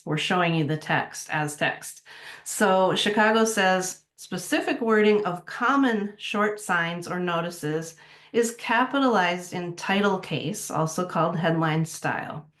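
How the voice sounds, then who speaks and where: A woman with a fairly low voice, talking through writing rules as an editor. She speaks in a relaxed, conversational way and thinks aloud as she explains. It sounds like a casual teaching talk. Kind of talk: casual presentation.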